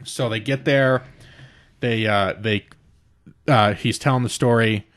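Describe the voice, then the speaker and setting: A man co-hosting a wrestling podcast in casual chat, animated and profane, acting out quotes in a raised voice. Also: medium pitch, a little slow. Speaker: podcast co-host.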